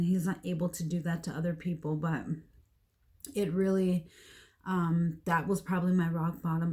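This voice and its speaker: A woman in her thirties gives a personal testimony in a slightly low voice. Her tone is warm and mellow. She speaks earnestly and haltingly, pausing to reflect. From Hawaii. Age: 30s. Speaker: survivor sharing her testimony.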